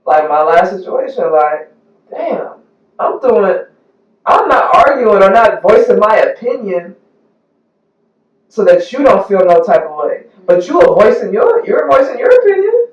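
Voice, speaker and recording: Casual co-host, a man with a high voice, animated and blunt, picked up far off in an echoey room. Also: a little slow, long pauses. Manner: animated, swears freely, acts out quoted voices. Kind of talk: casual candid chat. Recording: echoey room, far from the mic, dull sound.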